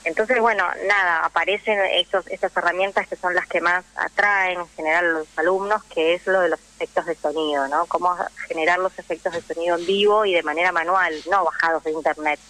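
Her voice is lowish and steady, fairly quick with hardly any pauses, bright and forceful. A young Rioplatense Argentine woman who acts and teaches drama, she explains things emphatically in a conversational radio interview, often checking in with her listener. The recording quality is low.

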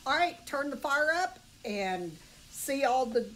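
A woman's voice: high voice, sing-song, a little slow, a bit bright, rough recording. A woman with a Southern US accent gives a casual cooking tutorial in a folksy, chatty way. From southern United States. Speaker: home cook presenting recipes. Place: home kitchen, indoors. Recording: home video with faint kitchen noise.

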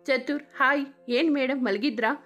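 A woman's voice: high-pitched, normal speed, fairly bright tone, soft background music. A woman reading the lines of a teasing, charming young man in love in a story. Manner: teasing, joking.

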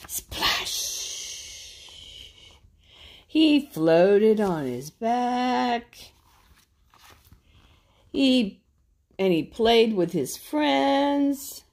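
A woman teaching preschoolers, leading a prayer and reading a storybook aloud in a gentle, encouraging way. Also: fairly high pitch, lively intonation, extremely slow, long pauses. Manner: gentle and encouraging, speaking to small children. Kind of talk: children's lesson and storybook reading.

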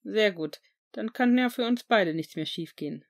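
A woman's voice: medium pitch, expressive, normal speed, vocal fry. Easygoing teen wizard, cheerful and reassuring; woman reader. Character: easygoing teenage boy wizard.

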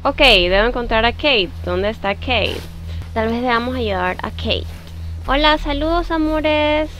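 A woman's voice: a little high, animated, a little slow, lo-fi sound, slight background noise. A young woman streaming a horror game live. She chats to her viewers and shrieks when the game startles her. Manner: jumpy, screams at scares then talks softly to chat. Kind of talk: live gaming stream chat.

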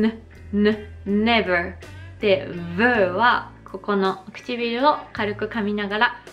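A Japanese woman in her thirties giving a slow, careful pronunciation lesson, exaggerating her mouth shapes when she demonstrates sounds. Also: medium pitch, highs cut off. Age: 30s. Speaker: English pronunciation teacher. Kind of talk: slow explanatory vlog lesson.

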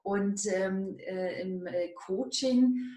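A woman's voice: medium pitch, extremely slow, warm tone. A woman hosting an interview about coaching, chatty and reflective, in casual conversation. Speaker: coaching podcast host. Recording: echoey room.

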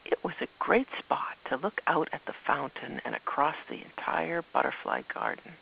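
A woman narrating a children's storybook in a hushed voice that often drops to a whisper, on a muffled recording with faint hiss. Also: deep voice, wildly swooping pitch, normal speed, creaky, husky. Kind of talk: storybook reading.

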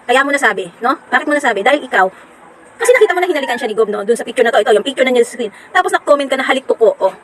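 A woman's voice: high-pitched, expressive, racing, fairly bright tone, slight background noise, poor audio. A woman ranting at online commenters in a sarcastic, indignant vlog. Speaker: vlogger. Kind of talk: reaction video rant.

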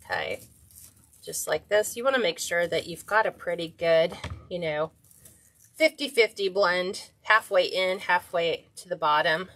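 A woman's voice: mid-range voice, fairly bright tone, a little hiss or hum. A woman hosting a live-streamed wreath-making tutorial, chatting casually and greeting viewers by name as she works. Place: indoor craft table, overhead camera.

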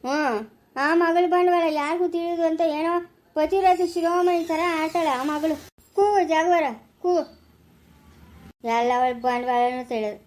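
A quarrelsome village man full of indignation, played by a woman, scolding and ranting in a rural Chikkaballapura Kannada accent. The voice sits very high. Lines come in repeated, defensive bursts, like a family skit. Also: steady tone, measured pace, darkish tone. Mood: indignant.

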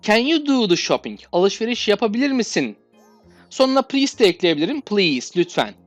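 A woman with a Turkish accent teaching English requests, reading each English phrase slowly and clearly before explaining it. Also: fairly high pitch, dry recording.

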